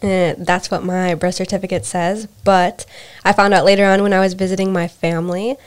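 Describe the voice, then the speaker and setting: A woman's voice: lowish voice, flat delivery, fairly quick, clean tone. A woman from Peru co-hosting a podcast, telling personal stories in a hesitant, reflective way. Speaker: podcast co-host. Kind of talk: casual personal storytelling.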